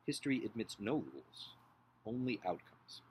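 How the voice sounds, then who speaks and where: In a dramatic book reading, a man plays an earnest, idealistic upper-class gentleman of the nineteenth century, sounding solemn, deliberate, and oratorical. His voice is lowish and sing-song, the mood reflective, with a little hiss or hum in the recording.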